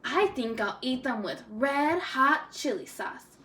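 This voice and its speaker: Woman voicing a sly, high-calling storybook coyote. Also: expressive, sharp tone, heavily acted. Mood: scheming. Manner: drawn-out wheedling and blustering calls. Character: sly hungry male coyote trickster, menacing and boastful.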